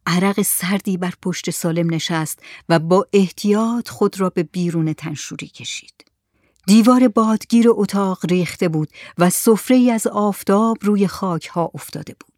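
A storyteller reading a story aloud in a measured, even way. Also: mid-range voice, no room sound, clean studio sound. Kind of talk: scripted narration of a story.

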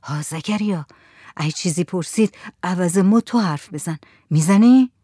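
A woman's voice: fairly low pitch, warm tone, husky, dry recording. A woman voicing an anxious husband who pleads with his friend in an audiobook, recorded dry and close. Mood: anxious pleading. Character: worried man, husband of the sick woman. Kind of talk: audiobook narration.

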